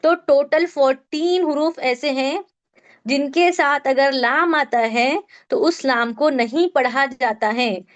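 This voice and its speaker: A woman's voice: sits high, slow pace. A woman teaching a Quran recitation class online, explaining rules patiently step by step and quizzing her students. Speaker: tajweed teacher.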